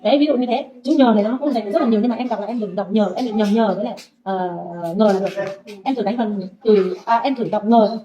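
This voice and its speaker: A woman teaching Vietnamese, patiently saying sounds slowly for her student to repeat. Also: a little high, warm tone. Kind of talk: pronunciation drill lesson. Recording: dull lo-fi recording.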